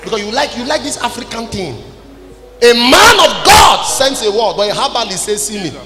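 A Nigerian preacher in his forties with an extremely high, sing-song voice speaks at normal speed over a noisy crowd. Leading the service as an apostle from the stage of a large church hall, he scolds the congregation in short emphatic phrases via handheld mic, with music behind the echoey PA.

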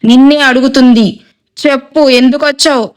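A stern, hot-tempered young man issuing cold, clipped orders, as a woman storyteller puts him on. The voice is clear and smooth, slightly high, and kept fairly level rather than swinging in pitch. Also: steady tone, moderate pace, lightly acted. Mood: menacing.

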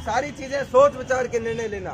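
A man in his twenties giving a booming political rally speech as a student candidate, emphatic and exhorting. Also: brisk. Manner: emphatic, exhorting, addressing a crowd. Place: outdoors in a campus yard before a standing crowd. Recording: noisy outdoor crowd gathering.

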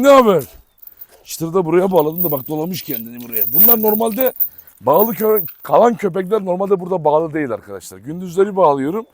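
A man's voice: high-pitched, a little mellow, slight background noise. A man vlogging outdoors at his dog kennels, chatting casually to viewers as he walks around. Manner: chatty, talks to viewers and calls out to dogs. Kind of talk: casual vlog walkthrough.

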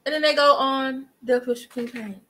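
A middle-aged woman hosts a casual live commentary stream from her living room, speaking emphatically and greeting viewers in chat. Her voice is high, brisk and sharp, and the low-quality recording comes from a webcam at desk distance.

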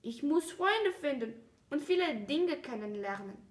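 A woman's voice: sits high, animated, a little slow. A woman doing a wondering boy prince. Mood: earnest. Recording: roomy echo.

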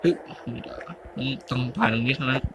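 A man's voice: medium pitch, lively intonation, quick pace, noisy background. A young man giving casual let's-play commentary, muttering, grunting and exclaiming as he plays. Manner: mutters and grunts while playing, exclaims at mistakes. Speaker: gaming YouTuber.

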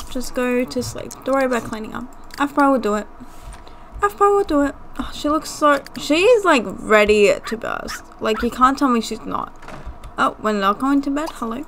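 High, bubbly woman gaming host. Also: slight background noise. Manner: chatty, excitable, giggly. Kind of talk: casual gameplay commentary. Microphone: desktop USB mic.

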